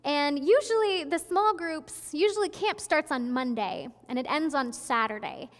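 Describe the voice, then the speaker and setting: High-voiced young woman preaching in a reverberant church. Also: animated, a little slow. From Florida. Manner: chatty and earnest, with frequent restarts and asides. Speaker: pastor. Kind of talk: conversational sermon. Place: large church sanctuary, at a pulpit. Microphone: headset mic. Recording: long reverb of a sanctuary.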